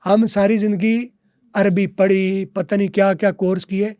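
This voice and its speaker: A man's voice: high-pitched, level tone, normal speed, darkish tone, no room sound, clean studio sound. A man, a teacher guest on a podcast, lecturing and repeating example words. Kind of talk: podcast interview, explaining.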